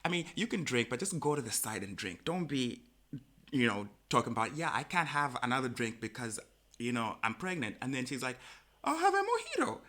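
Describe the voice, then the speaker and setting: A man co-hosting a podcast in casual chat, who gets animated and jumps high in pitch when he quotes people. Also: brisk. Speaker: podcast co-host.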